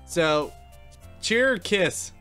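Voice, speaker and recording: High-voiced, unhurried man bantering casually. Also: lively intonation, bright, forceful tone, clear, resonant tone, faint music behind. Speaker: let's player, co-host. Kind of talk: casual banter while playing a visual novel.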